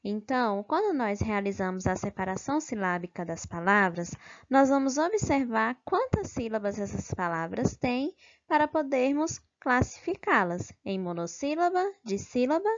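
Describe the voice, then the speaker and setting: A woman teacher giving a slow, careful grammar review lesson, stressing syllables and checking in with "ok?". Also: on the high side, very animated. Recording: dull lo-fi recording.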